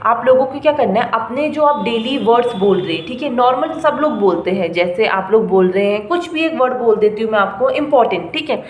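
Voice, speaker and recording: A woman's voice: on the high side, lively intonation, brisk, hardly any pauses, crowd noise. Chatty woman teaching, in an echoey room. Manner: chatty, encouraging, checks in with "thik hai". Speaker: English-speaking coach. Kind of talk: casual spoken-English lesson in Hindi. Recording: echoey room with faint ambient noise.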